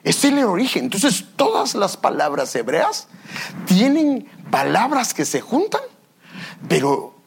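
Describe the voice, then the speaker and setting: Lively preaching man with a gravelly voice. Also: high-pitched, slow, slight background noise. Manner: lively, with many restarts and repeated phrases; explains step by step, often saying "fíjese". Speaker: pastor. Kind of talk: teaching sermon.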